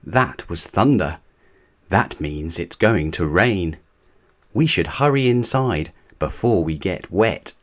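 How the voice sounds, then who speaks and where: Brief: older grandpa pig, low and slow, calm explainer, the narrator's own voice. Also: male voice, full character voice. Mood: explaining. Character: old grandfather pig, fond gardener.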